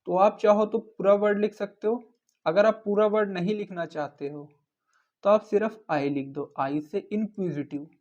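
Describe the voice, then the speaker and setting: A man with a fairly high voice runs through lists of synonyms in a brisk teaching rhythm and breaks them up with playful memory hooks. The recording sounds dull and lo-fi. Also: steady tone, a little mellow. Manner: brisk listing of synonyms with jokey memory tricks. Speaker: vocabulary teacher. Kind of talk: exam-prep vocabulary lesson.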